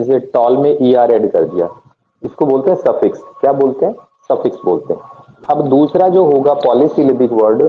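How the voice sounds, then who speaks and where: In tinny, phone-like audio with slight background noise, a man with a mid-range voice leads a grammar class in English. He asks questions, supplies the answers himself, and spells out words one letter at a time.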